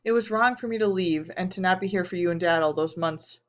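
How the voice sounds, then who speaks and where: Gentle grieving mother, small soft voice, woman reading, low-pitched, lo-fi audiobook. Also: fairly quick, close to an everyday voice. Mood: sorrowful. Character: tearful, gentle middle-aged mother.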